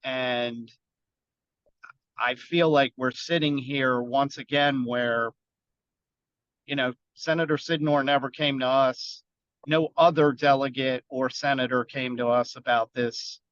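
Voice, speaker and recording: A man who sits on a county council, calling into a webinar on a car speakerphone while driving. He talks in short, halting phrases and thinks aloud. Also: medium pitch, fairly even intonation, a bit bright, no room sound. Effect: car speakerphone call while driving. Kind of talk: webinar panel comments. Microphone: phone speaker in a moving car. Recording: muffled phone line, dry.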